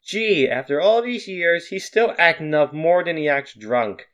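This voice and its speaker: Dude reading as a fussy put-upon cartoon mug guy, kinda higher, bouncy. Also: animated, unhurried, fairly bright tone. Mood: weary. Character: fussy cartoon mug-headed young man.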